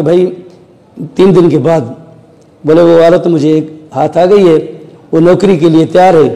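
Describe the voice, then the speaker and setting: A man's voice: a little high, dark tone, long reverb tail, poor audio. A man recounting events in a news interview, acting out the dialogue he quotes in a storytelling way.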